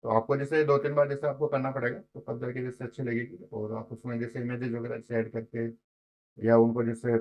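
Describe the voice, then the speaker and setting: A hoarse man giving a casual screen-share web design tutorial, rambling with lots of fillers and frequent "okay?" check-ins. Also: mid-range voice, flat delivery, a little fast, a little mellow, a little hiss or hum, low-quality recording.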